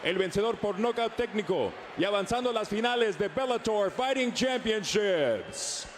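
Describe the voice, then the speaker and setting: A male ring announcer pitches his voice high in a grand lucha libre manner. He stretches out his formal fight announcements for a live arena, with some noise around him. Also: animated, normal speed. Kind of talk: bilingual Spanish and English fight announcing. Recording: noisy live arena sound.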